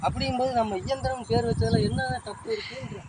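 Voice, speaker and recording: A man playing a meek, naive high-voiced helper. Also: steady tone, quick pace. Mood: earnest. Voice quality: deferential, keeps agreeing with "brother". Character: meek naive helper full of silly ideas. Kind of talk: web series comedy acting. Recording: outdoor recording with clear background noise.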